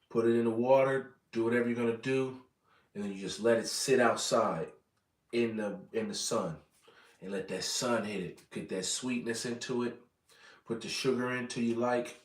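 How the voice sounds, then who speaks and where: With a slightly bright mid-range voice, an American vlogger from Southern California, in his thirties, chats rambling to viewers and fixes his own wording as he goes. The mic is distant, and the room sounds reverberant.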